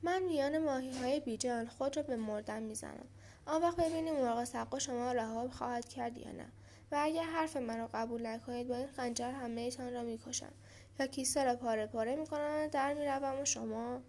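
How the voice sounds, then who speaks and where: A small, fearless fish who answers with scorn and urgency, as a woman reading the storybook voices it. Her voice is pitched high and raised. This is storybook character reading. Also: a little mellow. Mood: defiant.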